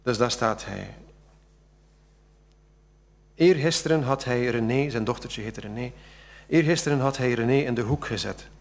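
Man, author, gravelly, reading his own prose aloud, halting when speaking freely. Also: mid-range voice. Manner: halting, with many fillers when talking freely.

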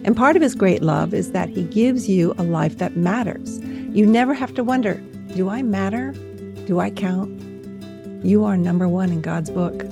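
A woman's voice: mid-range voice, moderate pace, gravelly. A woman in her seventies hosts a faith podcast and speaks in an encouraging, devotional way. She laughs along with her guest between questions. Faint music plays in the background. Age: 70s. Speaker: podcast host.

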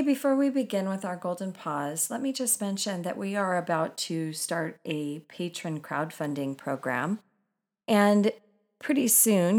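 Female podcast host, lowish pitch with vocal fry, soothing guided-meditation delivery. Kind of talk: slow guided breathing meditation.

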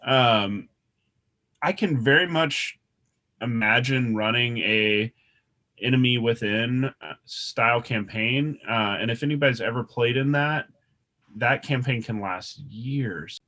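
Bright-voiced man explaining a game. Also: mid-range voice, takes it slowly. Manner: explanatory, hesitant with restarts. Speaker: podcast co-host. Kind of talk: casual chat.

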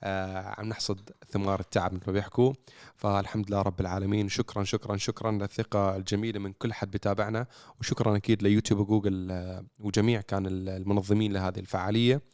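Fast-talking, low-voiced Levantine man, clear tone. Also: flat delivery, a little mellow, no echo, clean studio sound. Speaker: car content creator and show co-host. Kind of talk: casual podcast chat.

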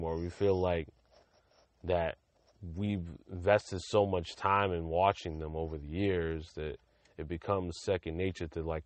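A man's voice: low-pitched, a little mellow, no echo. A young man from Massachusetts, hosting a casual sports podcast in a rambling style full of fillers and restarts. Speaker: podcast host.

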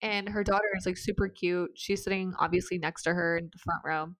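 A woman's voice: on the low side, steady tone, a little fast, fairly bright tone, poor audio. A young woman in her twenties, co-hosting a podcast, telling a funny story in casual chat with lots of laughter and filler words. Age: 20s. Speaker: podcast co-host.

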